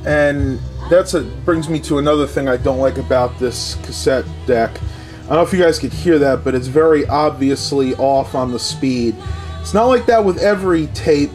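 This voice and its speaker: A man reviews a tech product in a casual hands-on demo, holding a camera and talking into its built-in mic in a small furnished room at home. His medium-pitched voice has a darkish tone at a moderate pace, with soft background music.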